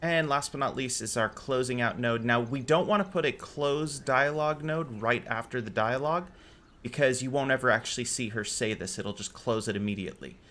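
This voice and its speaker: A man hosting a casual game server tutorial, relaxed and correcting his own slips as he goes. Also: medium pitch, fairly quick. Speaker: game modding tutorial host. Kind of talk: casual screen-recorded tutorial.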